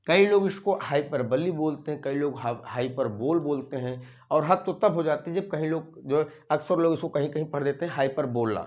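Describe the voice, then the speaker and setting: The recording is muffled, and the man's voice is a little high. He's teaching an exam-prep grammar class, questioning students, going back over his points, and slowly dictating English words while spelling each one out letter by letter.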